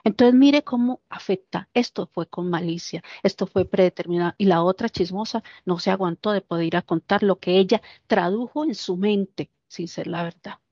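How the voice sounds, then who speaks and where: A woman tells a personal story in a casual, animated way, slipping into the voices of the people she quotes. Her voice sits at a middle pitch for a woman. The recording is dull and lo-fi, with a dry, close sound. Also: normal speed, few pauses, dry recording. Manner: animated, acts out quoted dialogue. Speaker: interviewee.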